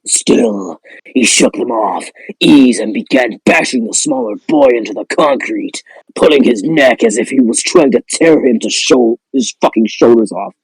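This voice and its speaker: A man delivers playful spooky narration in a creaky, husky voice. He reads horror prose with sweary, irreverent asides, and the recording is close and dry. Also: mid-range voice, very animated, unhurried, dry recording, rough recording. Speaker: host reading a spooky story. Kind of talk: scripted horror narration broken by casual joking asides.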